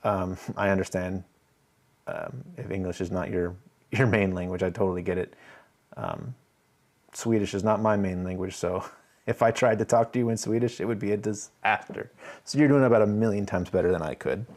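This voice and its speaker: Here a man with a deep, slightly mellow voice speaks at normal speed. He hosts a casual live stream, working and thinking aloud while chatting easily with the audience.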